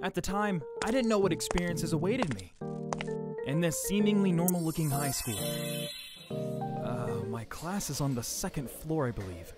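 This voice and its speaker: A woman's voice: sits low, animated, normal speed. A woman voicing an earnest, easily flustered teenage schoolboy in an overacted anime fan dub. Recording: loud music behind the voice. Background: instrumental music.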